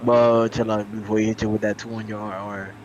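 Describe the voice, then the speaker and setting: A man's voice: on the low side, little pitch movement, brisk, darkish tone, lo-fi sound. A man trading and joking with friends over a voice chat, laughing often as he talks. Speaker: trader on a voice chat. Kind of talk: casual banter. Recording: noisy voice-chat audio.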